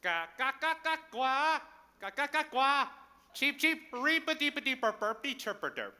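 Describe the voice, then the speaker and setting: Stage father doing cartoon bird calls, acted, lively pitch, hall echo. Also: moderate pace, full character voice. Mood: squawking nonsense. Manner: cartoon bird squawks and cheeps. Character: adult father imitating squawking, chirping bird talk. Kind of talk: stage play acting. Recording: echoey hall with music.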